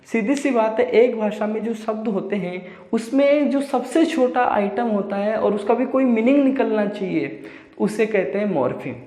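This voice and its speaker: A male teacher giving an exam-prep lecture, explaining slowly and restating each definition in simpler words. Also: sits high, warm tone. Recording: echoey room with long reverb.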